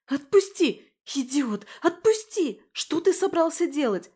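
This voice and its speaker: Woman playing a defiant young woman, audiobook dialogue, shouted retorts, sharp, high and loud. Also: big pitch swings, unhurried. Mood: furious.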